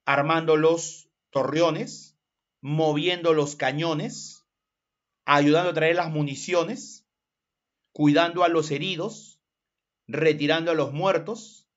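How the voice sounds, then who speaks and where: A Peruvian man teaches history in a lively way, checking in with his students and acting out sound effects as he goes. His voice sits a bit high and moves slowly. The audio is dull and lo-fi, like an online class. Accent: Peruvian Spanish. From Callao, Peru.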